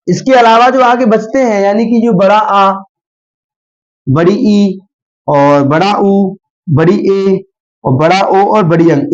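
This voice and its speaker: A slightly hoarse man teaching the Hindi alphabet, asking questions and answering them himself while drawing out each syllable. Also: high voice, darkish tone. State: slightly hoarse from a sore throat. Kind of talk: slow spoken Hindi alphabet lesson. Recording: dull lo-fi recording.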